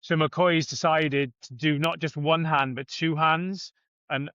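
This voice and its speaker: A man's voice: fairly high pitch, steady tone, slow, fairly bright tone, dry recording. Male guest on a bad connection, dull lo-fi line, dry sound, loose rambling anecdote with swearing. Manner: rambling, laughing, swears freely. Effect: bad connection, signal dropping on a call. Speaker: podcast guest. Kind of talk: casual storytelling. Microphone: remote call.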